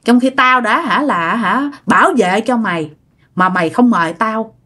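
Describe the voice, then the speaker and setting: A woman's voice: medium pitch, animated, normal speed, fairly bright tone. A woman voicing the angry ghost of an old woman who scolds her nephew. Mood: scolding. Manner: scolding, accusing.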